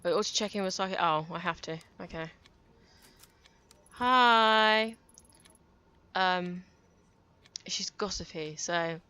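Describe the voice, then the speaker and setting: A woman's voice: on the low side, steady tone, normal speed, a bit bright, dry recording. A woman playing a story game and chatting casually in self-deprecating asides. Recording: game music behind.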